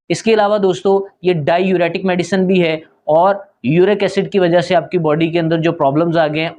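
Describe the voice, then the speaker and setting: A man, a homeopathic doctor, giving a steady, instructive health talk to his viewers. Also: fairly high pitch, a little hiss or hum. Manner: steady instructive, repeats a stock transition phrase, addresses viewers as friends. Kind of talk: explanatory health talk to camera.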